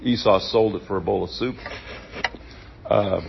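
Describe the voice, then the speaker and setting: A man preaching a sermon in church, reading scripture and adding relaxed, conversational asides about everyday life. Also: lowish voice, a little slow, vocal fry, highs cut off, background noise.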